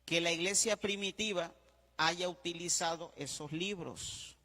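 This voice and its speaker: A priest lectures at a slow, deliberate pace, often repeating himself and checking in with the class. His voice sits high and bright. A long reverb hangs behind him, as if he were speaking in a large hall. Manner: spells words out letter by letter. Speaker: priest teaching a diploma class.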